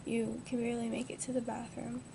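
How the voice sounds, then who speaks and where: Groggy young woman, creaky and monotone. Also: fairly high pitch, brisk. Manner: groggy, subdued. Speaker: vlogger. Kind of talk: casual personal vlog. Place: lying in a hospital bed indoors. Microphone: built-in device mic at close range. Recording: noisy amateur webcam audio.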